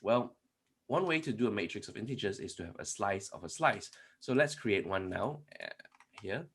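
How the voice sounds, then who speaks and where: Animated and at normal speed, a man with a lowish, somewhat bright voice delivers a programming talk at a conference while typing code live. He walks through steps with many restarts and rhetorical questions, and his first language isn't Polish. A little hiss or hum runs under the audio.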